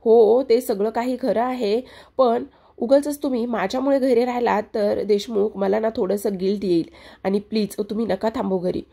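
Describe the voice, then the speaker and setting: A stubborn young wife with a fever pushes back against her husband's worry, as a woman reads her lines. The voice sits a little higher than the narrator's, husky and gravelly underneath. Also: fairly even intonation, normal speed, warm tone. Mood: protesting. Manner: insistent, scolding, then apologetic.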